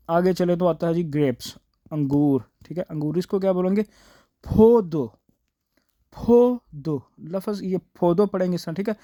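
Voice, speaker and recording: A man running a casual vlog lesson on Korean fruit names, saying each word several times and filling pauses with a stock phrase. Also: fairly high pitch, mellow, dry recording, studio quality. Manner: repeats each word slowly, fills with "theek hai". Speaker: vlogger teaching Korean words.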